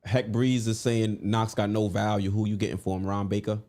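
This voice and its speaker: A man co-hosting a live sports stream, chatting casually and reading out viewer comments in a relaxed, conversational way. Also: on the low side, a little fast. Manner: laid-back, conversational, lots of fillers. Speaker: co-host of a live sports show.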